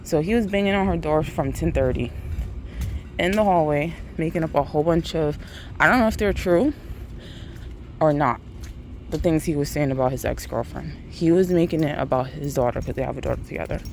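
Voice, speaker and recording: A woman's voice: deep voice, brisk, gravelly. A woman with an American accent tells a story casually to viewers while out walking, animatedly acting out what people said. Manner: animated retelling, acts out quoted speech. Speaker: vlogger. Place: outdoors on a walk. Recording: outdoor ambient noise.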